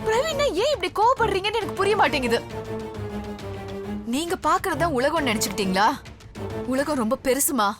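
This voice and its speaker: A stubborn young daughter, defiant and pleading by turns, her voice a little high. film score plays under every line of this dubbed scene. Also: animated, quick pace. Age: young adult. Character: defiant young daughter who married for love. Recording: film soundtrack with music behind.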